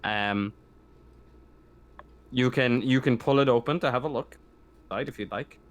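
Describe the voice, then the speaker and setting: A man with a medium-pitched voice acts as game master for a sci-fi tabletop roleplaying game, narrating in a halting, improvised way.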